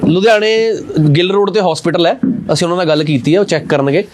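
A man, visiting a family for a charity and talking with them in a fast, reassuring way that repeats phrases. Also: sits high, a crowd in the background. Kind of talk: casual field conversation.

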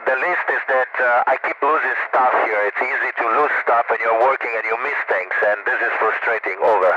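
A man's voice: mid-range voice, fairly even intonation, normal speed. A man, an astronaut answering questions over a radio link like a walkie-talkie, hesitant with many fillers. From Italy. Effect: heard over a radio link, like a walkie-talkie. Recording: muffled radio downlink with loud hiss.

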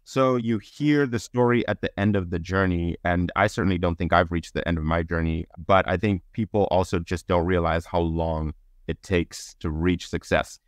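Joining a podcast by video call from indoors, this middle-aged Zambian-born man, later a Belgium resident, gives explanatory, conversational answers while thinking out loud. His voice sits low and steady at a moderate pace, and the sound is clean and studio-like with no echo.

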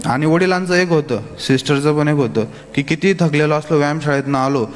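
A man's voice: a little high, a little fast. A man giving a talk to young people at a summit, telling his own story in a plain, hesitant way with many fillers. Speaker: guest speaker at a youth summit. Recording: echoey hall, faint hiss.

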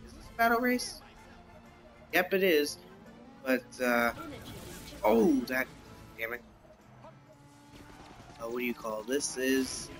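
A man's voice: medium pitch, a bit bright. A young man casually commenting while playing a racing game, rambling and reacting aloud, with the hiccups. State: has the hiccups. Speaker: gameplay commentator. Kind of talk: casual let's-play commentary.

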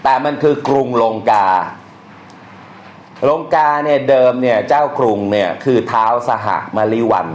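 A man's voice: medium pitch, a little slow. A man teaching poetry in a casual, blunt way, using slang and reciting verses aloud. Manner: blunt and colloquial, with slang and crude words. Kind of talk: casual lecture on Thai poetry. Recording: echoey room, faint noise.

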